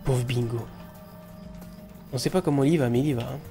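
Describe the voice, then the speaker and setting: A man's voice: mid-range voice, fairly even intonation, a little fast, dark tone, soft background music. A man hosting a game video, chatting, joking and thinking aloud as he plays. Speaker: let's play host. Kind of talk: casual gameplay commentary.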